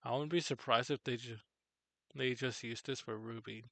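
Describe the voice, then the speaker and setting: A tired man teaching on a live tutorial stream, halting and correcting himself as he goes. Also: steady tone, creaky, a bit bright, dry recording. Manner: halting, self-correcting, low-energy. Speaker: streamer teaching 3D character software.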